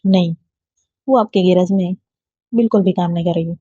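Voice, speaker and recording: A woman's voice: lowish voice, normal speed, breathy edge, dry recording. A woman reading a storybook voicing a strict, suspicious mother who questions sharply. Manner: probing, sharp-tongued. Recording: dull lo-fi dry recording.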